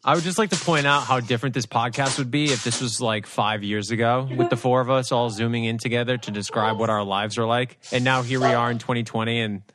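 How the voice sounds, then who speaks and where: A man's voice: mid-range voice, fairly even intonation, fast talker, few pauses, noisy background. A man co-hosting a casual podcast chat over a video call, rambling and poking fun at himself. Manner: rambling, self-deprecating storyteller. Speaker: podcast co-host.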